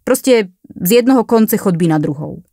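A woman's voice: medium pitch, animated, mellow, breathy edge, no room sound, clean studio sound. A woman voicing a grumpy young male coworker in a hurry to leave, who speaks in a curt, dismissive way.

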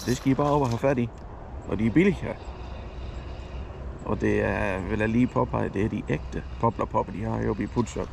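Recorded by a head-mounted action camera at a lakeside, a man narrates his fishing trip casually, chatting, rambling, and self-correcting. His low voice has vocal fry and long pauses, set against background noise.

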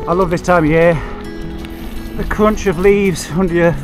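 A man's voice: sits high, fairly even intonation, moderate pace, music in the background. A man in his forties talking casually to a camera on his bike as he rides outdoors on woodland trails. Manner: chatty, self-narrating while pedalling. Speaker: bikepacking vlogger. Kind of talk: casual ride commentary. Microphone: action camera on the bike.

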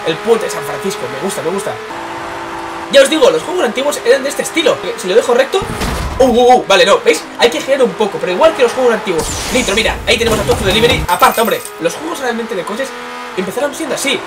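Excited man over loud game music. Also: extremely high pitch, quick pace. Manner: exclaiming, lively, casual slang. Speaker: gaming youtuber. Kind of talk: excited gameplay commentary.

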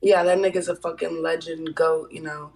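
A woman's voice: low-pitched, little pitch movement, normal speed, a little mellow, poor audio. A woman on a video date show, chatting in a frank, laid-back way and swearing casually. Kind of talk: casual chat.

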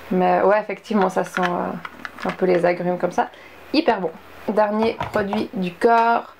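A woman's voice: mid-range voice, gravelly, darkish tone, slight background noise. A young woman chatting casually through a beauty product review, full of fillers and asides. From Switzerland. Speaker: beauty vlogger.

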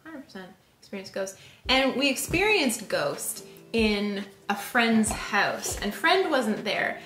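Bright, wry joking woman in an echoey room. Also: mid-range voice, big pitch swings, slow pace, faint music behind. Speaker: co-host. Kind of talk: casual chat.

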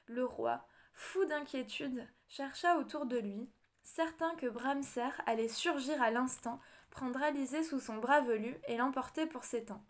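High-voiced woman reading a storybook. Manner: measured, expressive read-aloud. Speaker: audiobook reader. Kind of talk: storybook narration.

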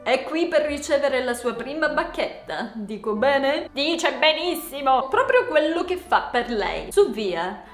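A woman's voice: sits high, very animated, unhurried, few pauses, reverberant. A woman reading the lines of an older, courteous male wandmaker in a formal, polite tone.

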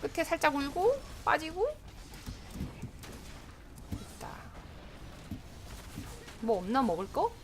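Lively high-voiced woman streaming a game. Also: takes it slowly, pauses often, a little hiss or hum. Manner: chatty, talking to herself and teammates, exclaiming often. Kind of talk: live gameplay commentary.

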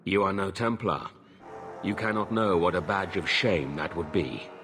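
An actor playing an earnest, stern, honorable knight in a video game, speaking formally and gravely. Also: male voice, sits low, moderate pace, music in the background.

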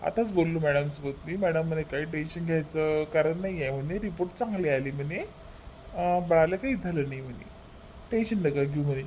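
A woman voicing a calm young adult son who reports news in a matter-of-fact, repetitive way. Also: low voice, a little fast, very noisy, natural voice. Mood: reassuring.

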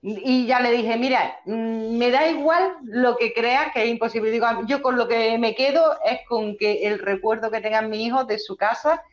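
A woman, a video creator, telling lively stories in casual chat. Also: fairly high pitch, moderate pace, few pauses, soft background music. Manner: lively storyteller. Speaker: guest youtuber. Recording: echoey lo-fi room.

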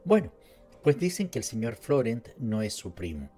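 A man's voice: medium pitch, big pitch swings, normal speed, mellow, slightly rough, faint music behind. A man with a Latin American Spanish accent voicing a sly, gossiping old spinster who murmurs her news in a confiding way.

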